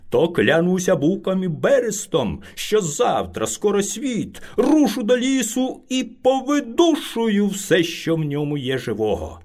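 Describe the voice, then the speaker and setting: A man doing a roaring, furious forest bear. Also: on the high side. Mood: threatening. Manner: roaring, shouting insults. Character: hungry furious male bear, a bossy forest lord.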